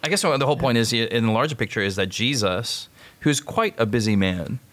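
A man's voice: medium pitch, expressive, brisk, fairly bright tone. A man leading a casual group Bible study, talking in a rambling way with many restarts.

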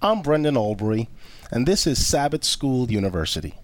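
A man hosting a religious study panel, speaking in a measured, reflective way. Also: medium pitch, big pitch swings, soft background music. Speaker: host. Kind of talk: scripted opening, then panel discussion.

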